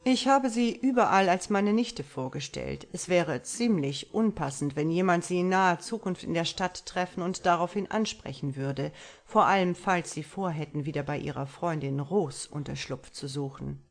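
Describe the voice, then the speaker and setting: A woman voicing a proud, passionate wealthy gentleman in a romance audiobook, with forceful, exasperated outbursts. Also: fairly low pitch, moderate pace, gravelly, few pauses. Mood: gelassen.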